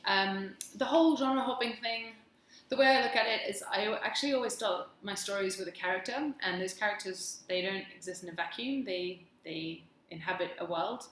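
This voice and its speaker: A woman's voice: medium pitch, fairly bright tone. Plummy English woman in an echoey room. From England. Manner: self-deprecating, wry, rambling. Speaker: writer and video blogger. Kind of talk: casual chat to camera. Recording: echoey room, faint background noise.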